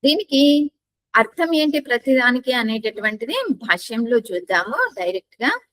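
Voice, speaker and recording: A woman teaching a class, who chants verses slowly, repeats each line, then explains the tone marks in plain speech. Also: fairly high pitch, lively intonation, a bit bright, no room sound. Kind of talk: class on reciting a scripture with its commentary.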